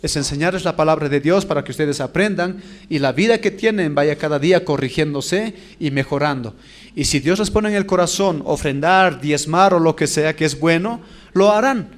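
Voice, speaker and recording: A pastor delivers a sermon in a high, lively voice. He preaches with animation and slips into the voices of the people in his stories. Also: moderate pace.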